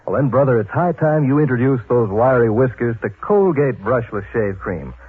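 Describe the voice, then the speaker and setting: An American man delivers a scripted 1940s radio sales read with folksy push. His mid-pitched voice is husky. The sound is boxed-in and muffled, like an old broadcast. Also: lively intonation, normal speed. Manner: folksy hard-sell pitchman. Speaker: radio commercial announcer.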